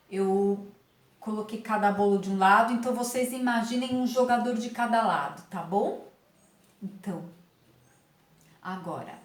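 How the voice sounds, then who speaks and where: A woman teacher demonstrating word games for a class, explaining patiently and stretching words out clearly. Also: mid-range voice. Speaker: literacy teacher. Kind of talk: online lesson demonstration.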